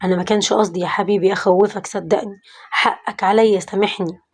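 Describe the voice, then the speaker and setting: A woman voicing a kindly older male priest who talks gently and in a fatherly way, with an Egyptian accent. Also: medium pitch, steady tone, quick pace, husky. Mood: tender. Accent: Egyptian Arabic.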